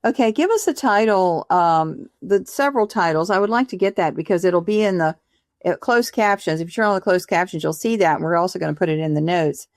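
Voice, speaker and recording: A woman's voice: fairly low pitch, brisk, no room sound, studio quality. A woman hosting a podcast interview, chatty and encouraging, laughing easily. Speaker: podcast host. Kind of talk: casual interview chat.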